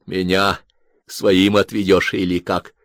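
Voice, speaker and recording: A gruff, exhausted corporal, put on by a male reader. He speaks in a muted, guarded way with a deep voice, close to the reader's own. The sound is dry and close. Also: flat delivery, a little slow, fairly bright tone, no echo. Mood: tense. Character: worn-out enemy corporal, tense, wary, gruff. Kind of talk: audiobook character voice.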